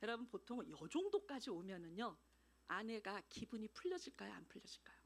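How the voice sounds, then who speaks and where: A woman missionary preaching a sermon in a church, animated and acting out everyday dialogues. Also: mid-range voice, brisk. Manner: animated, acts out dialogues, laughs often.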